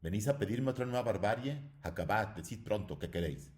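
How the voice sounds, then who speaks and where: A man's voice: on the low side, expressive, a little fast, darkish tone, pitched above the performer's own voice, close to an everyday voice. A man voicing a haughty Roman governor in a read-aloud story, curt and commanding. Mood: stern.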